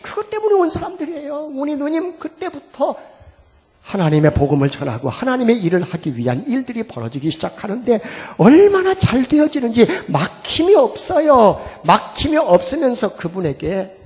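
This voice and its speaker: A middle-aged man preaching as a pastor, telling a family story in a lively sermon that swings from hushed to loud. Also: very high voice, normal speed. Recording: long hall reverb, faint music behind.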